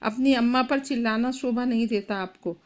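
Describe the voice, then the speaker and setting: A woman voicing a gentle, bewildered young wife in a storybook. She speaks softly and pleads. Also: on the high side, normal speed, lightly acted. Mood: pleading.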